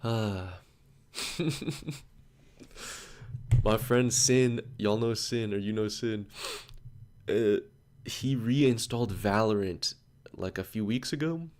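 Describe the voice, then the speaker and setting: Rambling young man, low voice. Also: slow pace, long pauses, a little mellow. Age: 20s. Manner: loose and chatty, many filler "like"s, jumps between stories. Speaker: study streamer. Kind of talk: casual rambling chat on a livestream.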